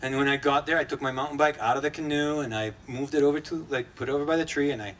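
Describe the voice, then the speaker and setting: A man's voice: fairly high pitch, fairly even intonation, quick pace, a bit bright. A man from Guatemala, executive director of an advocacy group, giving a casual, conversational keynote at a conference. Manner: casual, conversational speaker with fillers and restarts. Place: conference stage.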